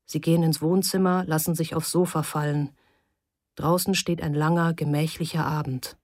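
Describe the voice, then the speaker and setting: A woman with a low voice reads a story aloud as narrator, calm and measured. The sound is dry and close, with no echo around her. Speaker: audiobook narrator. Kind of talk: scripted narration.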